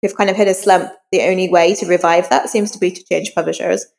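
A woman author with a lowish, creaky, darkish voice speaks fast with fairly even intonation. As a guest in a casual interview she's candid and informal, reflecting while talking, and the room echoes with long reverb.

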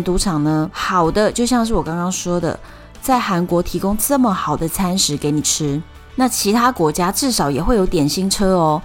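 A woman podcast host with a Taiwanese Mandarin accent tells a story in a relaxed, chatty way. Her voice sits a little low, and she explains each point patiently, stretching out her sentence particles. Soft music plays faintly underneath.

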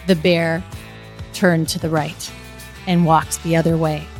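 A woman with a slightly low voice tells a personal story in a lively, conversational way. She retells it vividly, and faint music plays softly behind her. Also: unhurried. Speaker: storyteller guest. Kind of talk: casual storytelling.

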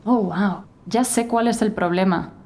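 Slow, clear woman from Spain. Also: mid-range voice, darkish tone. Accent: Spanish from Spain. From Spain (Galicia). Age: 20s. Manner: slow, clear, carefully spoken. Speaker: narrator and new Spanish teacher. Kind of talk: scripted learner story narration.

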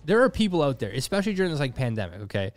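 A man's voice: medium pitch, big pitch swings, racing, soft background music. A man co-hosting a podcast, telling a story in an earnest, reflective way. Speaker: podcast co-host. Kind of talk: casual chat.

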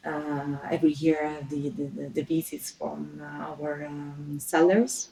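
A low-voiced Italian woman with a gravelly edge talks in halting, searching English and laughs easily. She is a winemaker being interviewed in a casual online audio chat. Her voice sounds distant from the microphone. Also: level tone, a loud crowd. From Friuli, Italy. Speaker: winemaker guest. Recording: distant from the mic.

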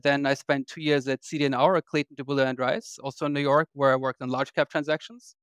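A man from Austria, an investor guest on a podcast, explaining in a measured way. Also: mid-range voice, level tone, fairly bright tone, smooth, no echo. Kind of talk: podcast interview.

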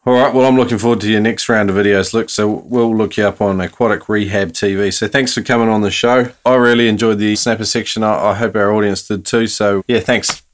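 A man's voice: on the low side, fairly even intonation, fairly quick, hardly any pauses. A man hosting a podcast, chatting casually with a guest and listeners. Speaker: podcast host. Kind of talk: casual interview chat.

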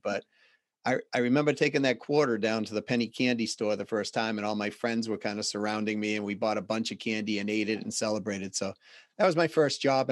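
A man's voice: mid-range voice, no echo. Earnest Boston-accented man, dry sound. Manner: earnest, reflective storyteller with halting restarts. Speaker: podcast guest. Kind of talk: casual interview talk.

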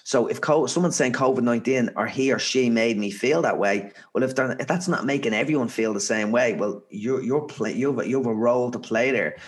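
Podcast guest: Irish male, mid-range pitch, earnest, emphatic motivational talk in a conversational style. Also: a little fast, hardly any pauses. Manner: earnest, emphatic, repeats phrases for stress. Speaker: podcast guest, author and speaker.

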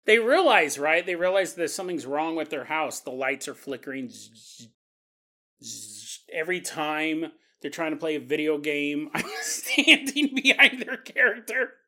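A man's voice: on the high side, expressive, normal speed, hardly any pauses, sharp tone. A man hosting a podcast, rambling through a comic monologue and often laughing mid-sentence. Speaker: podcast host.

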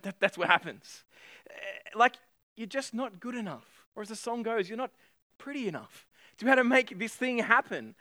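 A man's voice: sits high, a bit bright, no room sound, studio quality. A man in his thirties from Australia, a pastor preaching a sermon and telling a personal story with self-deprecating humor.

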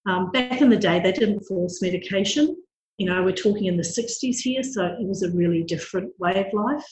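A woman's voice: mid-range voice, fairly quick, a little mellow, slight background noise. Candid New woman in an echoey room. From New Zealand. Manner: candid, matter-of-fact storytelling. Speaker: guest. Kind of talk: interview.

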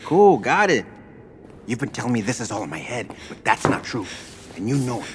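A man's voice: medium pitch, very animated, a little fast, heavy background noise, natural voice. A man playing a bitter, wounded young husband. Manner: bitter, sarcastic, cold. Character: hurt angry young husband leaving. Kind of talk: audio drama acting.

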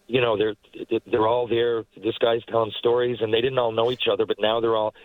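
Being interviewed casually, a Newfoundland man in his forties who used to play hockey rambles sincerely and keeps starting his sentences over. His medium-pitched delivery is flat and brisk, on poor audio with no echo.

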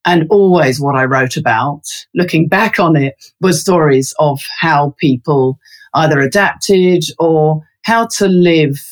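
Speaking a little slowly in a low-pitched voice, a woman from London who researches resilience talks informally as an interview guest. She's chatty and reflective, with many ums.

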